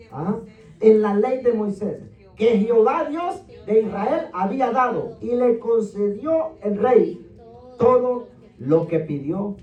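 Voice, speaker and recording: This lo-fi recording catches a high-voiced pastor teaching a Bible class from a distance in an echoey church meeting room. He keeps prompting listeners to repeat his words and caps lines with rhetorical "¿verdad?" and "amén," in a call-and-response style.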